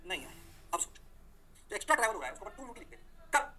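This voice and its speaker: Man, physics lecture, rapid delivery, quick-fire questions, very bright tone. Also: high voice. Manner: energetic, asks questions and answers them himself, voices the students' replies. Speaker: physics teacher. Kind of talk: lively classroom lecture.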